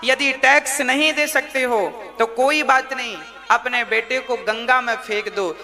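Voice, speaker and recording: A man's voice: very high voice, steady tone, pushed and bright, heavily acted. A preacher playing a stern, duty-bound fallen king. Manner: firm, measured. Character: humbled king turned cremation-ground guard, stern, duty-bound man. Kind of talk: devotional storytelling. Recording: long hall reverb with music behind.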